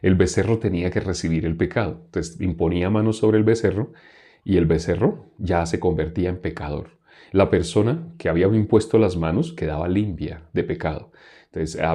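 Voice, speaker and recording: A man with a low, mellow voice gives a conversational Bible-teaching sermon. He keeps asking his listeners questions and sometimes mimics people straining in prayer. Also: fairly quick, breathy edge. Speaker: preacher.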